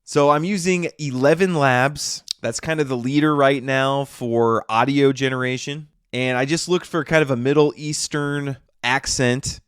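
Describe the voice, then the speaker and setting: A man's voice: medium pitch, steady tone, a little slow, few pauses, a bit bright, smooth, dry recording, studio quality. A man YouTuber casually talking through his workflow in a chatty tutorial, often checking in with "okay?".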